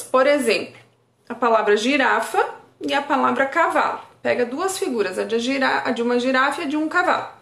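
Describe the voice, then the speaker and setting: Woman teaching in an echoey room. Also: on the high side. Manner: calm, stretches out example words syllable by syllable. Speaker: speech therapist. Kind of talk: educational talk for parents.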